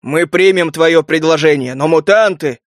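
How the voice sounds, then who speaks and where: A man's voice: fairly high pitch, moderate pace, no room sound, clean studio sound, lightly acted. A man voicing a wary town headman who distrusts mutants, in an audiobook.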